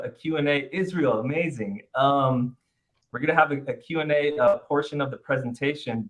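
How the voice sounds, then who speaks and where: A webinar host speaks over a video call, welcoming attendees in an upbeat, chatty way with lots of fillers and restarts as he presents. His voice is on the high side and a bit bright, and the recording quality is low.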